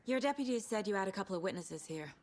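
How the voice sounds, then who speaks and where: A woman's voice: medium pitch, animated, quick pace, a little mellow, close to an everyday voice. A woman playing a composed, courteous federal agent in a video game. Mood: calm, professional. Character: composed, courteous female FBI agent investigator. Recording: faint background ambience noise.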